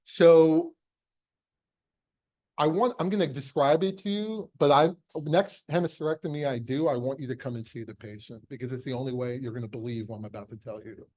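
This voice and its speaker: A middle-aged American pediatric epilepsy surgeon gives a conversational medical lecture, explaining emphatically and posing rhetorical questions. His mid-range voice has a darkish tone and a fairly quick pace.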